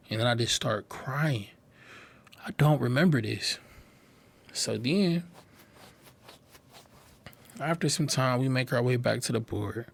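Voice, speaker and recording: This young man's mid-range voice has a gravelly texture as he offers a personal testimony to people gathered live. He sounds earnest but halting, and he often says words twice.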